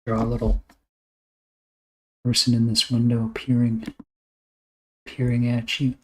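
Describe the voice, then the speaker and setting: A man chatting casually to viewers on a livestream while drawing, with a flat, deadpan delivery. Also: mid-range voice, measured pace, low-quality recording. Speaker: streamer.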